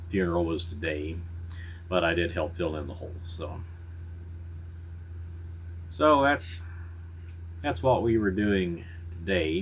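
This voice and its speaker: A middle-aged man chatting casually to viewers in a folksy, unhurried, halting way. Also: sits low, slight background noise, poor audio. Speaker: pipe-smoking vlogger. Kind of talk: casual rambling chat to viewers.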